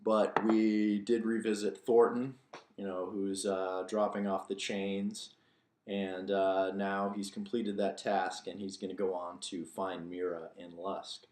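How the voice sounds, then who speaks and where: Speaking slowly in a level, low, slightly mellow voice, a man narrates his own novel like an audiobook and adds offhand commentary as host. The room sound is spacious and echoing.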